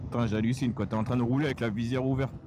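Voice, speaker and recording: A man's voice: medium pitch, steady tone, rapid-fire. A man chatting casually and joking while riding a motorcycle, talking inside his helmet through a helmet-mounted mic. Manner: laid-back, swearing, joking. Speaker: motorcycle vlogger. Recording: heavy road and wind noise.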